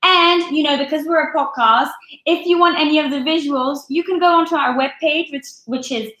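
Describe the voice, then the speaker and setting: A woman's voice: high-pitched, a little fast, bright, forceful tone. A young woman co-hosting a podcast in casual chat, tired from jet lag and chatty with a sarcastic edge. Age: young adult. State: jet lagged, low energy. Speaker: podcast co-host. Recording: echoey room.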